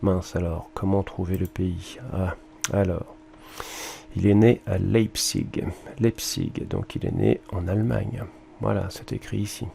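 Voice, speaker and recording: A man's voice: low voice, animated, moderate pace, creaky, mellow, a little hiss or hum. A male music teacher with a French accent, talking students through a research worksheet and thinking aloud with fillers and mild exclamations. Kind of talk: screen-recorded lesson walkthrough.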